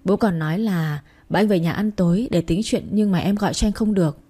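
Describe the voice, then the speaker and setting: A woman's voice: lowish voice, brisk, dark tone, breathy edge. A woman voicing a clingy young pregnant mistress who pleads and wheedles. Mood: coaxing.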